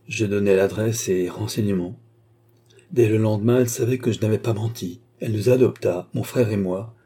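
A plaintive young noblewoman of fallen birth recounts her childhood, read by a man. The tone is very dark and mellow, with a husky grain, grave and earnest in an audiobook telling. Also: lowish voice. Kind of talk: audiobook reading.

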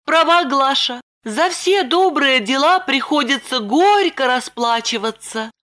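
A flustered young woman in an audiobook, as the woman reading puts her on. She speaks high and pleading, her pitch swinging widely with every worry. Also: animated, measured pace, pushed and bright, full character voice. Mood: fretful, pleading. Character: anxious fretful young woman. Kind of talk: audiobook character voice.

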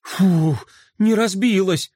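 A man voicing an anxious, superstitious young boy in a storybook reading, fretful and quick to panic. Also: sits high, no echo, studio quality, pitched above the performer's own voice.

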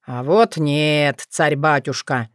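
A crafty male sorcerer in a storybook reading, speaking low and smooth with calm sly cheek. A woman puts him on in a lower voice. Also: normal speed, no echo, clean studio sound.

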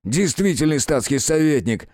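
A man voicing a gruff male police detective who shouts and curses in raised bursts. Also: a little high, animated, moderate pace, no echo, clean studio sound, pitched above the performer's own voice. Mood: furious. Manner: bellowing, cursing.

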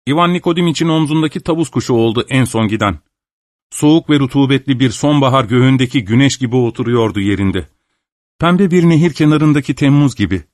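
A man narrating a literary audiobook in a measured, even storytelling manner. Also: mid-range voice, dry recording, studio quality.

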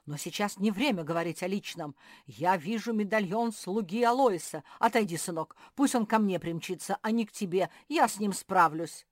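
A woman's voice: mid-range voice, animated, moderate pace, dry recording, studio quality, natural voice. A woman voicing a confident adult male bulldog father who speaks firmly. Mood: commanding.

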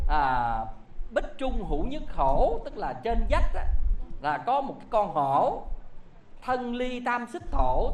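A Buddhist preacher telling a story in a chatty dharma talk, explaining scripture lines one phrase at a time. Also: mid-range voice. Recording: roomy echo, faint ambient noise.

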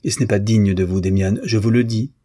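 Lecteur masculin jouant une jeune fille orgueilleuse et moqueuse, timbre sombre et voilé, ton dédaigneux. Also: male voice, on the low side, fairly even intonation, brisk, warm tone, breathy edge. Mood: scornful. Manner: cutting, disdainful. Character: proud young woman, scornful and calm.

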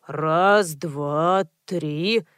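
A nitpicking, grumbling old grandfather in a storybook reading, voiced by a woman narrator. The voice comes across dry and close to the mic, in a fairly high register. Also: expressive, measured pace, dry recording. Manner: grumbling and pedantic.

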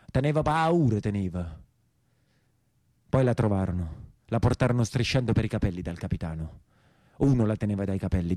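Here a male actor with a lowish, warm voice plays an embittered, imprisoned peasant bandit on stage, delivering a monologue in forceful, repetitive southern Italian dialect. The recording is dry and clean, studio-made, and his voice sounds close to everyday speech.

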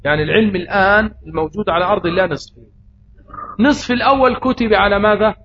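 A preacher with an Egyptian accent gives a religious lesson, asking rhetorical questions and answering them himself. His man's voice sits high and moves fast. The audio is slightly dull, with faint noise.

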